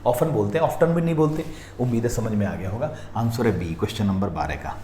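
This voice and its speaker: Male teacher, dark warm tone, coaxing viewers step by step; roomy echo and faint hiss. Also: lowish voice, expressive. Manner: repeatedly urges viewers to pause and look carefully. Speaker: reasoning exam teacher. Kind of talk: explaining practice questions. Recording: echoey room, faint noise.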